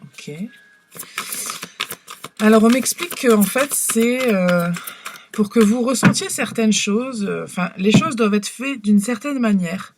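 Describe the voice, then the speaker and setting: A woman's voice: a little high, unhurried, background noise. A woman giving a casual tarot reading to camera, talking hesitantly with lots of fillers and restarts. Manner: hesitant, many fillers and restarts, soft-spoken. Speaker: tarot card reader.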